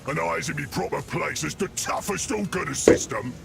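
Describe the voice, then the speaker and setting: A man's voice: a little high, normal speed. A man voicing a brutish, boastful male orc warboss in a video game, music playing behind. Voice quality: gravelly.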